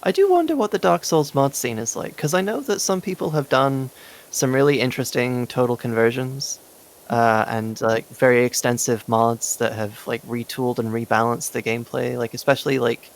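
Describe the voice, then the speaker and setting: A man's voice: medium pitch, moderate pace, gravelly. A man chatting casually during a game stream, laughing often and rambling through asides. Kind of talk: casual gameplay chat.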